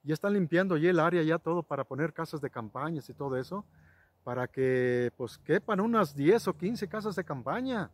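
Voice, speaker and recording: A man's voice: a little high, animated, moderate pace, dry recording. A man telling rambling, folksy ranch stories to his viewers, with many restarts and asides. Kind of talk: casual storytelling to camera.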